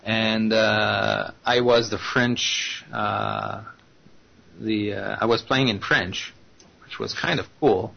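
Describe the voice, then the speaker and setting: A man's voice: fairly low pitch, fairly even intonation, slow pace, vocal fry. A man chatting on a group call about his acting work, rambling with lots of fillers and restarts. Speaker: voice actor guest. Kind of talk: casual group call chat. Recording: dull lo-fi call audio.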